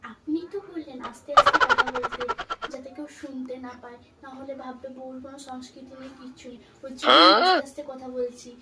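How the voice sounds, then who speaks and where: A woman's voice: high-pitched, big pitch swings, fairly quick, echoey room, distant mic, very noisy. A woman playing a cheeky young daughter-in-law who teases and giggles in a comedy skit. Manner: giggly, teasing.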